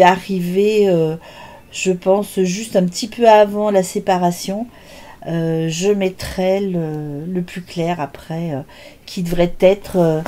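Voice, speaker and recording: Slow, mellow-voiced older woman, hesitant. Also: fairly low pitch. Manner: hesitant, many filler sounds. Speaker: knitting podcast host. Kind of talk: casual show-and-tell chat.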